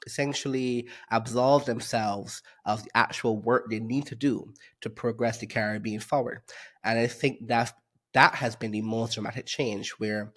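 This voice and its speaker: A man from Barbados, a guest economist on a podcast interview, explaining his views in a measured way with frequent fillers. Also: mid-range voice.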